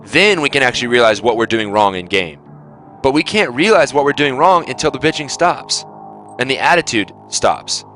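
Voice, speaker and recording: A young man lectures his players as their team captain, blunt and full of swearing. His voice sits at an ordinary middle pitch. Faint music plays behind him. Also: sing-song, moderate pace, a bit bright. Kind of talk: team pep talk.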